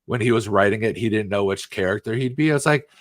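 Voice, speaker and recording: Male podcast co-host, lower pitch, dry close sound, casual filler-laden delivery. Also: fast talker, no echo. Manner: casual, filler-heavy, animated. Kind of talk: casual film review chat.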